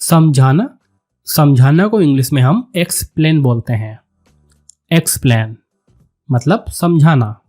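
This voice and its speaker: A man teaching a vocabulary lesson, saying each word and then repeating it slowly and deliberately. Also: a little high, animated, darkish tone, soft background music. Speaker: English teacher.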